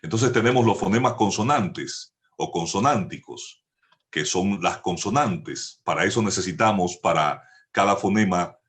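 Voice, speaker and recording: Slow, low-voiced male speech teacher. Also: fairly bright tone. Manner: measured, instructive, drawn-out vowel demonstrations. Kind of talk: slow, deliberate voice lesson.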